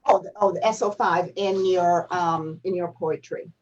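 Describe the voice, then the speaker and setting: A woman's voice: lowish voice, steady tone, normal speed, a little mellow, a little hiss or hum. A woman hosting and informally moderating an online discussion, recorded over an internet call. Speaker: host, moderator. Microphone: online video call. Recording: dull, lo-fi online call audio.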